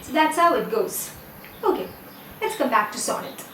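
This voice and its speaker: A woman's voice: sits high, big pitch swings, normal speed, sharp tone, a little hiss or hum. A woman with an Indian English accent explaining poetry as a lecturer, asking the listener questions and then answering them herself. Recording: roomy echo, distant mic, faint ambience.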